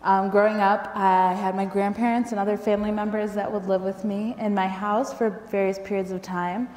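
A woman's voice: mid-range voice, a little mellow. Young woman telling a story in a hall. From Michigan, United States. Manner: casual and conversational, with frequent ums and light laughs. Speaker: storyteller at a food event. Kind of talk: personal storytelling talk. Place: lecture hall with projector screen. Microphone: lapel mic. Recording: reverberant hall.

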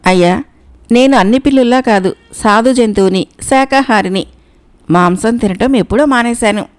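A woman's voice: a little high, moderate pace, close to an everyday voice. A woman voicing a sly male cat who poses as pious and meek, talking in a fawning, pleading way. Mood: pleading flattery. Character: sly male cat feigning holy meekness.

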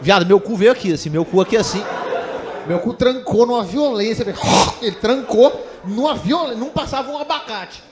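A man's voice: sits high, expressive, a little fast, a crowd in the background, noisy background. A man with a Brazilian accent doing a stand-up comedy set, telling a profane, self-mocking story. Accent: Brazilian Portuguese. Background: live audience laughter.

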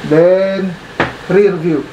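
A man's voice: high voice, fairly even intonation, very slow, lo-fi sound, noisy background. A man speaking from inside a full-face helmet, chatting casually to his viewers while he reviews it on a motorcycle ride. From Philippines. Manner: chatty, keeps addressing viewers as sir. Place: outdoors on a motorcycle. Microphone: helmet-mounted action camera.

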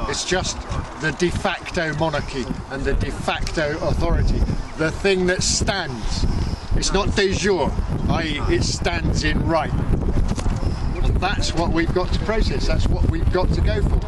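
Out in an open grassy field, a high-voiced, middle-aged activist declaims emphatically, delivering a fervent political address to a small gathering. His words come through a camera mic placed a few steps off, buried in loud wind and surrounding noise.

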